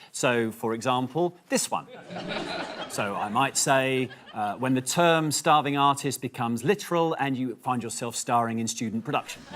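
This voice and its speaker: A man's voice: mid-range voice, noisy background. A man hosting a comedy panel show, reading out scores and rules with a dry, sarcastic, teasing manner. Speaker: host.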